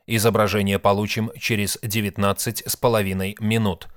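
A man reading an audiobook, voicing a ship's computer with a flat, mechanical, measured delivery. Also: on the low side, dry recording, clean studio sound, lightly acted. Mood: monotone report.

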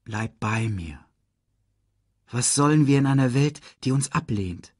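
A man's voice: mid-range voice, moderate pace, dry recording, studio quality, pitched above the performer's own voice, lightly acted. A man voicing a young male lion who is carefree yet troubled, in a storybook audiobook. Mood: pained.

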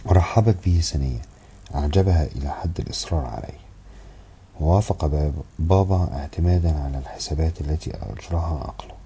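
A man reading the lines of a young female student in an audiobook, soft and measured with a sighing manner. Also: very deep voice, breathy edge, exaggerated voice. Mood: resigned. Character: young woman student, quietly resigned.

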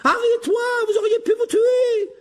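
A man's voice: very high-pitched, normal speed, voice pushed up. A male audiobook reader voicing a furious mother who screams a scolding tirade through a magic letter. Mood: furious shrieking. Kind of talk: audiobook reading.

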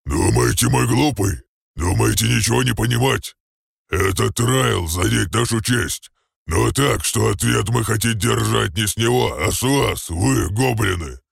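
A man voicing a huge brutish male orc who speaks slowly in broken grammar, in an audiobook. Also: on the low side, no echo, studio quality, exaggerated voice. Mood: menacing. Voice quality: gravelly, husky, broken grammar.

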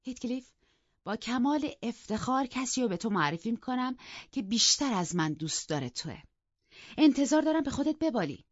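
A woman voicing a teasing, mischievous young lady of the house in an audiobook, loud and mocking. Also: fairly high pitch, no echo, lo-fi sound, voice pushed up. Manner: lively, mocking, raising her voice. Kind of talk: audiobook character voice.

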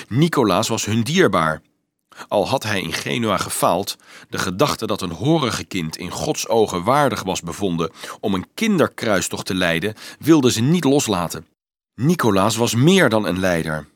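A man narrating an audiobook in a measured, dramatic way. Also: lowish voice, no room sound, clean studio sound. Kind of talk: audiobook reading.

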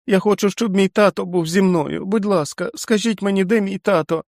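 A man's voice: high-pitched, normal speed, a little mellow, no room sound, studio quality, pitched above the performer's own voice. A man voicing a feverish, frightened teenage boy who pleads tearfully like a small child. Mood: tearful pleading.

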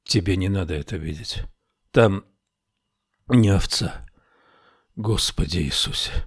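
A man voicing a shaken man in an audiobook, speaking in a hushed, barely audible voice. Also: low-pitched, unhurried, husky. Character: shaken man, breathing out a warning.

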